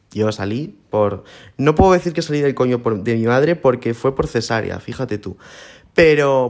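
A young man with a Spanish accent from Spain doing a campy, theatrical comedy monologue as a podcast host, swearing freely and rambling through asides. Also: a little high.

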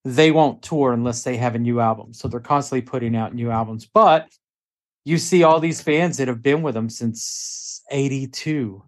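Relaxed man hosting a podcast. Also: mid-range voice, moderate pace. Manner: relaxed and friendly, with many fillers like "you know". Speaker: podcast host. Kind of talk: casual podcast chat.

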